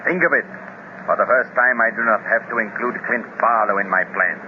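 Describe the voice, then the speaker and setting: A pompous mastermind villain, as a man performs him, lays out his plans in a slow, gloating voice. It is a 1930s radio serial. The recording sounds muffled and carries a steady hiss. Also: on the low side, natural voice. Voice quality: slow, measured, gloating delivery. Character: scheming male master villain, pompous and menacing. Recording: hissy, dull 1930s radio transcription.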